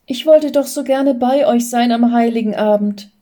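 A woman voicing a gentle young wife in a storybook reading, speaking softly and tenderly. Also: on the high side, moderate pace, lightly acted.

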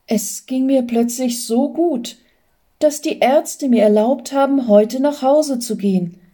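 A woman voicing a gentle young wife in a storybook reading, speaking softly and tenderly. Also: sits high, takes it slowly, pitched above the performer's own voice.

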